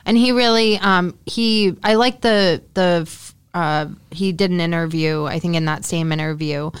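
A woman's voice: on the low side, steady tone, moderate pace, clean tone, no echo. A woman co-hosting a casual tech news chat, talking in a chatty way with lots of fillers. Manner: chatty, laughs often, many fillers. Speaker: podcast co-host.

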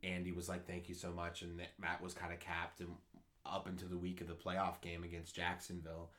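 Here a low-voiced man talks fairly quickly while co-hosting a casual sports podcast. Eager and excitable, he rambles through a story, restarting it repeatedly.

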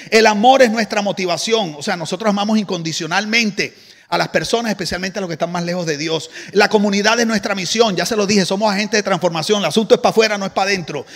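A man preaching a lively sermon to a congregation as the church's pastor, joking with the crowd and having them repeat after him. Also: sits high, creaky, long reverb tail. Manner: animated, joking asides to the congregation.

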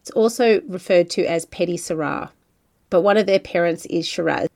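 A woman's voice: lowish voice, moderate pace, vocal fry, a little mellow. A woman with an Australian accent hosting a podcast, reading a friendly travel narration and chatting with a guest. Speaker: podcast host. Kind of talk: scripted narration and casual interview.

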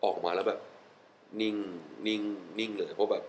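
A young man with a fairly low voice talks with real enthusiasm, laughing often and repeating words for emphasis. His tone stays casual and chatty. A faint noise sits under the recording. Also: steady tone, normal speed, poor audio. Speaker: wellness guest. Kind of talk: casual interview chat mixing English.

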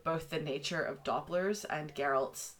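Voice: mid-range voice, unhurried, a bit bright. A podcast co-host in a casual book discussion, chatty with many fillers, reading passages aloud.

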